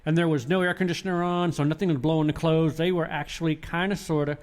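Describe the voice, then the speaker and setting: Talking fast in a voice on the high side, this man, a paranormal investigator, shares his experiences in a casual podcast interview. His delivery is rambling and animated, full of restarts.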